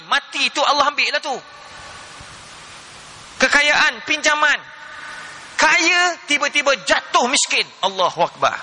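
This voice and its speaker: A religious teacher delivers a sermon-story with animated exclamations. His voice sits very high and cuts bright and sharp. The sound echoes through a mosque hall. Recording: reverberant hall.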